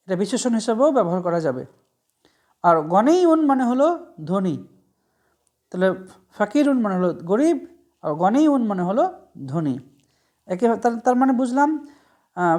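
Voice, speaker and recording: A woman with a Bangladeshi accent teaching an Arabic vocabulary lesson, explaining slowly, repeating each word and asking her students questions. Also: fairly high pitch, a little mellow.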